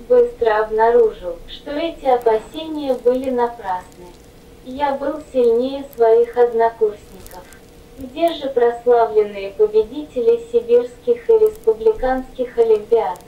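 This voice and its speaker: A female text-to-speech robot voice reading autobiographical notes in an even, mechanical way. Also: on the high side, reverberant, distant mic, phone-quality sound.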